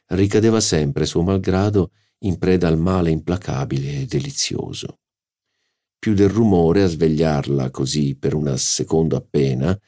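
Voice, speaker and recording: A man reading a classic novel aloud in a measured, even narration. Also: very deep voice, slightly rough. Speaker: audiobook narrator. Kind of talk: literary audiobook narration.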